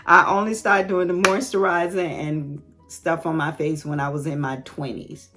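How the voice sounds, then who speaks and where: Woman almost sixty, laid-back vlog chat, laughs a lot, low-ish voice. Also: steady tone, normal speed, over music. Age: late 50s. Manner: chatty, candid, laughs often. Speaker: YouTube host.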